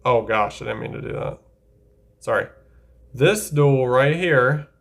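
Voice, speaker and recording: An anime tier-list creator talks in an unhurried, mid-range voice with vocal fry. He is chatty and enthusiastic as he ranks things, thinking out loud and correcting himself along the way.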